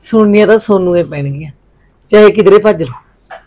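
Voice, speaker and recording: A woman's voice: medium pitch, normal speed, close to an everyday voice. Woman playing a middle-aged village mother, indulgent. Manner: indulgent, calmly arguing back. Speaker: mother of a college girl. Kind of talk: village family drama acting.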